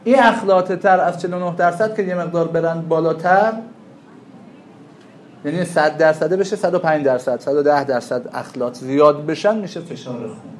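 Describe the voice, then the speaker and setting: A man with a high voice lectures a class on traditional medicine. He talks animatedly, throws questions at his students and answers them himself. His voice rings in a roomy, echoey classroom. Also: slight background noise.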